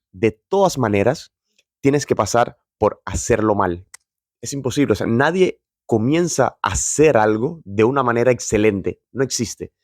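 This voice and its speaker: An earnest motivational host tells the viewer directly that he feels nervous speaking on video, while offering encouragement. His lowish voice is a little mellow, and the sound is dry and studio quality.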